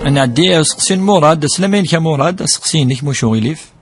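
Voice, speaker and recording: Brisk man answering radio callers. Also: fairly high pitch, lively intonation, over music. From Algeria. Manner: brisk, reads out callers' names and greets them. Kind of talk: live call-in religious advice.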